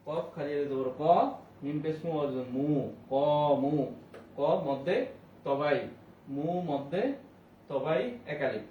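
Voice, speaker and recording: Guy teaching quran letter by letter, slow, roomy and kinda far off, dull lo-fi sound. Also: a little high, fairly even intonation. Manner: slow, repetitive drilling with melodic recited verses. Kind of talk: spelling out Quran recitation letter by letter. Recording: roomy, dull distant sound with faint hiss.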